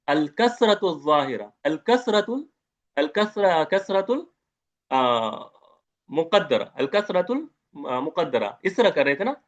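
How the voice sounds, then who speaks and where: A man's voice: fairly high pitch, highs cut off. A man teaching an Arabic grammar lecture, repeating terms and asking his students questions as he goes.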